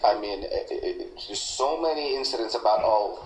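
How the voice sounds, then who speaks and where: A man in a recorded interview, telling an aggrieved story haltingly, with many restarts. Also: on the low side. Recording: echoey room with faint noise.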